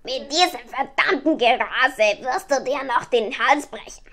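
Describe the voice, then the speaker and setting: A woman voicing a cranky, nervous male raven who croaks and scolds in a storybook reading. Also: high-pitched, a little slow, a bit bright, exaggerated voice. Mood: scolding.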